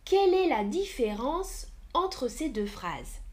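A woman teaching a live-streamed French lesson, speaking slowly and clearly, counting aloud and answering viewers in the chat. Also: high-pitched, very animated, darkish tone.

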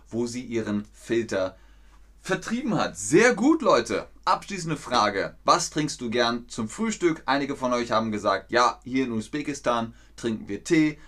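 A man teaching an online German lesson to learners, speaking slowly and clearly, repeating words and quizzing his viewers. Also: medium pitch. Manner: lively, with quiz questions to viewers.

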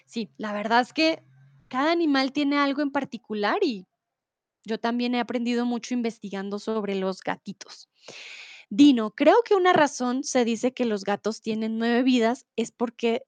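Woman Spanish teacher running a live online class. Slightly high voice, very slow and patient, dry close sound, often checks in with students. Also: darkish tone, dry recording. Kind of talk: live online language class, reading chat comments aloud.

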